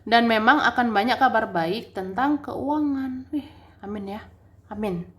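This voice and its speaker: A woman's voice: on the high side, unhurried, fairly bright tone. A woman giving a casual tarot reading, chatty, restating each point several times and laughing often. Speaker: tarot reader.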